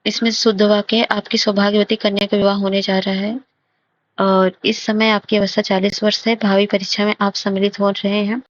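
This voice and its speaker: A woman teacher slowly explaining grammar test answers, repeating and correcting phrases as she goes. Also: mid-range voice, flat delivery, dry recording. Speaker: exam prep teacher. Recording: dull lo-fi recording.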